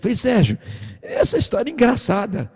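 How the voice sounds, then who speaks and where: A man with a Brazilian accent preaching a sermon as pastor, a lively storyteller who acts out the voices in his stories. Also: very high voice, a little fast, slightly rough, big-room sound. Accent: Brazilian Portuguese. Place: church.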